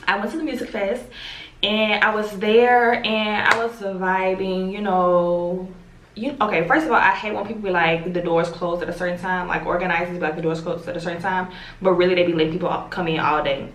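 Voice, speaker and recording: Her voice sits fairly low with a bit of brightness as this young vlogger chats openly to camera around a lozenge. Profanity comes freely and her words get drawn out, all captured in a roomy, far-off recording with faint noise.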